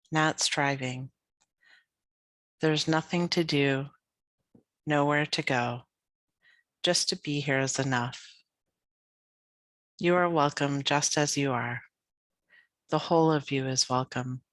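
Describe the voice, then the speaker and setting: A woman teacher with a low-pitched voice guides a yoga nidra meditation, speaking gently and soothingly in unhurried phrases with long pauses. There's no room sound.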